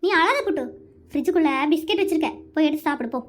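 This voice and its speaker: A woman doing a fed-up cartoon mother who scolds with a sharp tongue. her voice is very high and her words come out fast and clipped. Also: lively intonation. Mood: exasperated.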